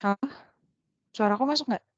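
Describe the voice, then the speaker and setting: A woman's voice: mid-range voice, dry recording. Woman on a choppy, breaking-up call. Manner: halting, hesitant, many fillers. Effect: choppy, breaking-up video call audio. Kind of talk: online meeting chat. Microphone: video call. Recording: dull lo-fi call audio.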